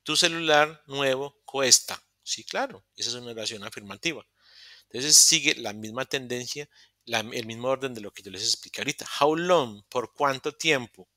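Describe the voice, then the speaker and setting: A man's voice: medium pitch, moderate pace, bright, forceful tone, dry recording, studio quality. A man teaching English grammar in an online class, explaining step by step, repeating phrases and correcting himself as he goes. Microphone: computer microphone in a virtual session.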